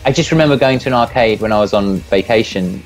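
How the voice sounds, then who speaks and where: A deep-voiced middle-aged man with an English accent, talking as a guest on a video call from a room at home. He rambles in a relaxed way and swears casually, with faint music behind him. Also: quick pace, rough recording. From England. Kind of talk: casual interview chat. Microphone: earphone mic on a video call.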